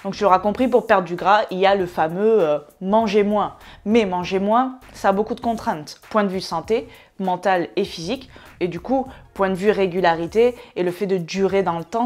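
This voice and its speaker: A woman's voice: mid-range voice, darkish tone. A woman hosting a fitness advice video, chatting casually to the viewer with playful, self-mocking asides.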